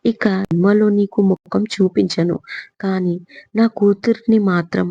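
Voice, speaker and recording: Brief: narrator plays crying middle-aged mother, pleading, mellow dark voice, dry lo-fi sound. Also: medium pitch, steady tone, measured pace, creaky, breathy edge, no echo. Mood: tearful pleading.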